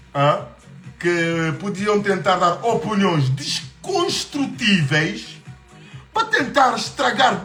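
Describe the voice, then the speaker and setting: High lively guy, bragging on a home livestream, music low behind him. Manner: boastful, switches between Portuguese and French. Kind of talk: casual live stream chatter. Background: faint music.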